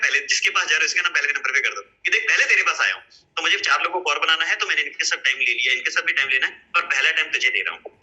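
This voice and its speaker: Male team trainer, rapid and earnest, keeps checking that listeners follow. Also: a little high, pushed and bright, low-quality recording. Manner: earnest, coaxing, often checks in with "right?" and addresses listeners as friends. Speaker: network marketing team leader giving a training session. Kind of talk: motivational training talk.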